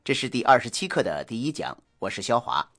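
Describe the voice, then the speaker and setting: A man's voice: mid-range voice, very animated, fairly bright tone. Man hosting a radio English lesson. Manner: measured, explanatory. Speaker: language lesson host.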